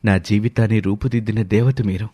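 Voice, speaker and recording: A man's voice: fairly low pitch, fairly even intonation, fairly quick, dark tone, no echo, close to an everyday voice. Casual one: guy playing a loyal devoted friend in a story, earnest and respectful, dry close sound. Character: loyal, devoted young man, grateful old friend. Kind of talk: storybook voice acting.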